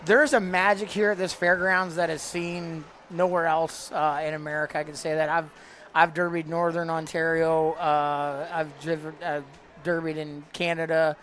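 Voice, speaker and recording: A man's voice: on the high side, little pitch movement, fairly bright tone, slight background noise. Heartfelt man, choked up in an interview. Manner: emotional, heartfelt, halting with fillers. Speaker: parts vendor guest. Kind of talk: live interview.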